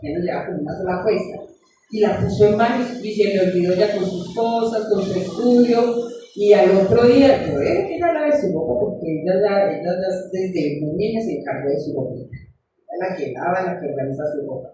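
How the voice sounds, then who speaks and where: In a church, a woman preaches an earnest, story-driven sermon and calls her congregation "beloved." Her medium-pitched voice is animated, fairly quick, and dark in tone. The room is echoey, she is far from the mic, and there's a little hiss or hum.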